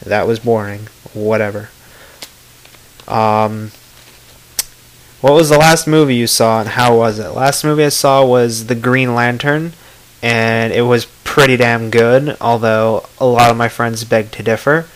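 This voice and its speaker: A man's voice: mid-range voice, a little slow, rough recording. A man from Florida casually answering tag questions to the camera in a blunt, offhand way, swearing freely. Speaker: vlogger.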